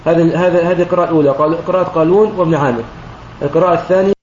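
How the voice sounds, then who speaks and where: A man, a sheikh, explains a recitation poem line by line in a methodical way, often clearing his throat and correcting himself. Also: fairly high pitch, racing, darkish tone. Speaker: sheikh teaching Quranic recitation. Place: online voice chat room. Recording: roomy, dull lo-fi online voice chat with faint noise.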